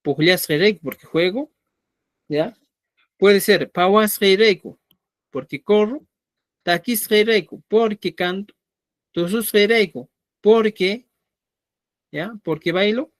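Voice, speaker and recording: This Quechua teacher speaks in a high-pitched voice at a slow pace, pausing often. He leads a live online language lesson, patiently explaining and regularly asking "¿ya?" to confirm understanding, captured in studio quality with no echo.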